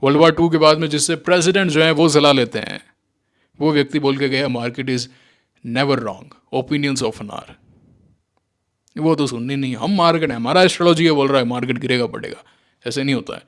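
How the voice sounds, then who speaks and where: A man teaching stock trading in casual, animated commentary, sarcastic and mocking, with Indian-accented English mixed into his talk. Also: mid-range voice, normal speed. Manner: sarcastic, mocks listeners in mimicking voices. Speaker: stock market trading educator.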